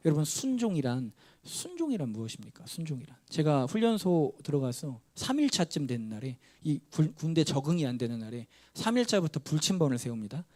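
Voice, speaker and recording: A man's voice: a little high, big pitch swings, a little fast, hardly any pauses, darkish tone. A man preaching a sermon as pastor, telling a story and acting out its dialogue.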